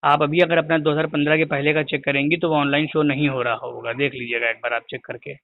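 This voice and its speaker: A teacher patiently explaining to a caller over a crackly cordless phone line, repeating his points until they are clear. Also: fairly high pitch, little pitch movement, fast. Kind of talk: phone call advice. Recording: tinny, noisy phone line.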